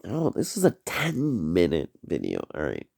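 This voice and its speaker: A man's voice: deep voice, wildly swooping pitch, moderate pace, vocal fry, a little mellow. A man giving a rambling, profane solo vlog monologue, trailing off on tangents and tagging "man" onto his sentences. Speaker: vlogger.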